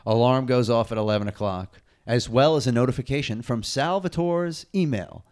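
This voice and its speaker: A man's voice: mid-range voice, normal speed. A man casually telling a long story on a podcast, swearing constantly and saying "dude" and "bro". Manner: profane, animated storytelling with lots of "dude" and "bro". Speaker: podcast co-host.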